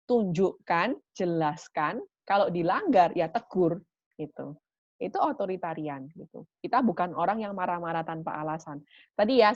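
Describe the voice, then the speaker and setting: A woman with a lowish voice gives a parenting talk. She explains patiently and keeps checking in with her listeners. The recording is dry and a little dull. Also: no room sound. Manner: warm teaching tone with frequent "gitu ya" tags. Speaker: parenting speaker.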